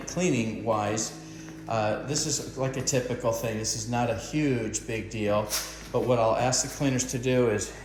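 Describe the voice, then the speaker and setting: Slow-talking man in an echoey house. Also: mid-range voice, darkish tone. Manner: slow, halting, plenty of pauses. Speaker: landlord. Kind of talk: walkthrough video narration. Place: empty house interior. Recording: roomy echo with faint noise.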